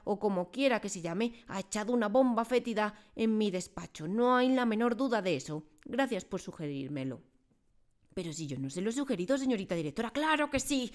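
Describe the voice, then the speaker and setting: A woman voicing a huge, brutal headmistress who rages, raised and loud, in a storybook reading. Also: mid-range voice, pitched above the performer's own voice, lightly acted. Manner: loud, raging, contemptuous.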